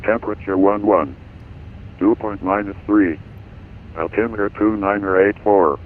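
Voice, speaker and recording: A man's voice: on the low side, fairly even intonation, measured pace. A man's voice on an automated airport weather broadcast, reading clipped announcements over the radio. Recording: tinny radio band with faint hiss.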